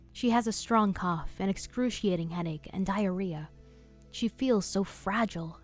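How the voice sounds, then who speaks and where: A woman reading the narration of an animated story in a dramatic storytelling manner. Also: mid-range voice.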